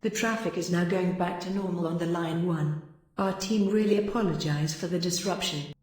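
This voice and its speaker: A woman reading automated transit announcements over a station intercom, in flat, even recorded phrasing. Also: on the low side, normal speed. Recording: very echoey station PA.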